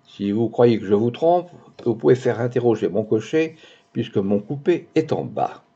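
A man's voice: medium pitch, sing-song, moderate pace, dark tone, breathy edge. A man voicing a bold, commanding young blond countess in an audiobook, urgent and imperious in manner. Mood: haughty. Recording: dull lo-fi recording.

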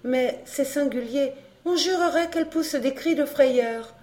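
Woman reading worried young lady, high voice, anxious questioning, audiobook. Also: a little slow, darkish tone.

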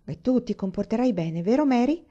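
Woman doing an earnest gentle young girl, sincere pleading, warm mellow tone, dull lo-fi recording. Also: fairly high pitch, expressive, fairly quick, pitched above the performer's own voice.

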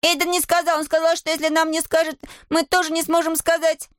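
A woman voicing a frightened young boy with a shrill, squealing voice in an audiobook. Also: flat delivery, fairly quick, no echo, studio quality. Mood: scared. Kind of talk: audiobook narration.

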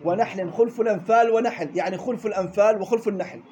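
A man's voice: high-pitched, rapid-fire, lo-fi sound, background noise. A man teaching a classroom lesson on Quran recitation rules, explaining step by step, repeating key points and checking with his students. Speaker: tajweed teacher.

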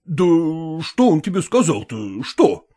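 A man's voice: on the high side, huge pitch swings, measured pace, warm tone, husky, pitched above the performer's own voice, heavily acted. A man voicing a condescending, evasive professor who soothes and patronizes a jealous woman, reading an audiobook. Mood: patronizing. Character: condescending middle-aged male professor, evasive.

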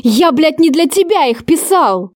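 A woman's voice: high-pitched, expressive, measured pace, dry recording, studio quality. A woman doing a raging, cursing man. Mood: furious. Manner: shouting, swearing, spitting words. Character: furious cursing man, volatile and cruel.

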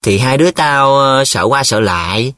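A man performs a playful, showy student character for an audiobook, teasing and dramatic, with a sing-song lilt during recitations. He sounds animated and a little fast, mid-range with a fairly bright tone, in studio-quality audio with no room sound.

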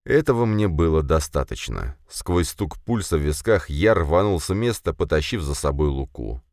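A deep male audiobook narrator reads a first-person fantasy with an animated, swinging delivery. The sound is dry and close, with no room around it. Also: normal speed, no echo. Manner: expressive, animated reading.

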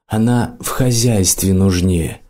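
A man voicing a young forest sorcerer who speaks earnestly and pleadingly, pitched up from his own voice. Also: takes it slowly, dark tone.

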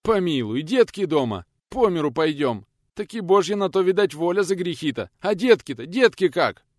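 Frightened village weavers wail and beg in rustic speech, as a male narrator puts them on. The voices rise high above the reader's own and drag out each plea. The recording is dry and close. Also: sing-song, moderate pace, no room sound. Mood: desperate begging. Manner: wailing, pleading in rustic speech.

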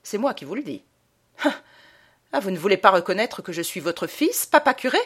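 A woman's voice: mid-range voice, sing-song, unhurried, faint music behind. A woman reading aloud and voicing a sneering, menacing young male vagabond who laughs at the priest. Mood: mocking. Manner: mocking, jeering, laughing.

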